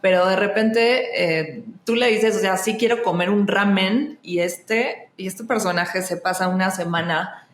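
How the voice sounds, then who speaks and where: A woman's voice: medium pitch, a little slow, reverberant. Argentine-born woman with a Mexican accent. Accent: Mexican Spanish. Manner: animated, with many fillers and self-restarts. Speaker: guest, actress and singer. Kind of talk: casual podcast conversation.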